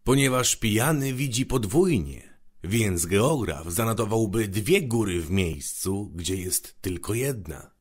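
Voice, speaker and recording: A man voicing a pompous old geographer who lectures slowly and self-importantly. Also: fairly low pitch, lively intonation, husky. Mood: lecturing.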